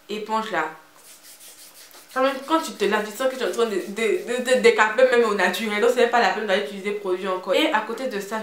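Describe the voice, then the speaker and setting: A woman's voice: medium pitch, a bit bright. A young woman from Côte d'Ivoire speaking with an Ivorian French accent, chatting frankly and animatedly to viewers in a beauty vlog. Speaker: beauty vlogger. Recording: roomy echo with faint hiss.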